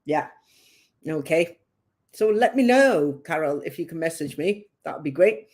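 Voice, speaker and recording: A woman's voice: low-pitched, expressive, a little slow, a little mellow. A woman with a light northern English accent with a touch of Geordie, hosting a psychic reading live stream in a chatty, rambling way and laughing often. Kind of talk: casual live-stream chat.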